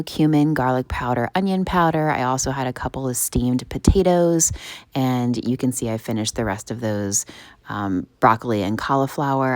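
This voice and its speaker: A woman's voice: a bass voice, a little mellow, no room sound. A young woman giving casual vlog voice-over narration in a plain, everyday way. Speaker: vlogger.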